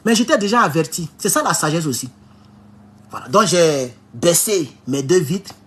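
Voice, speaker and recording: A man's voice: fairly high pitch, very animated, moderate pace, a bit bright. A man from Côte d'Ivoire with an Ivorian French accent, telling a personal story as a political vlogger and giving emphatic warnings to his audience. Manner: emphatic, warning tone, with English phrases mixed in. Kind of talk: casual storytelling monologue.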